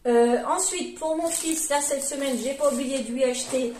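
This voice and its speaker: A high-pitched woman in her forties, a mother who vlogs, rambles casually over her grocery haul at a moderate pace with a darkish tone. She uses lots of fillers and keeps correcting herself, recorded in an echoey room with slight background noise.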